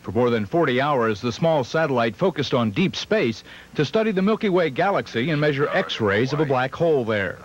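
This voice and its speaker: A man's voice: mid-range voice, expressive, normal speed. Newsman, dull lo-fi archival sound. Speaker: television news correspondent. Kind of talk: scripted news narration.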